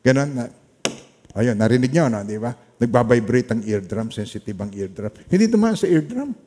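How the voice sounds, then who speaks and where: A middle-aged man with a Filipino accent, preaching a sermon in a storytelling way and mixing in English phrases, his volume swinging from loud emphasis to quiet trailing lines. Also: mid-range voice, expressive, normal speed. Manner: mixes Tagalog with English, storytelling, soft-spoken asides. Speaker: pastor.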